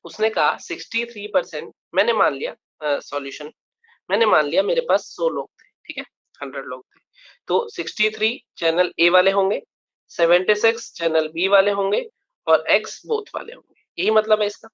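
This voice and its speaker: A man's voice: high voice, moderate pace, fairly bright tone, highs cut off. A male math teacher giving a live online lecture, explaining a problem step by step and often checking that students follow.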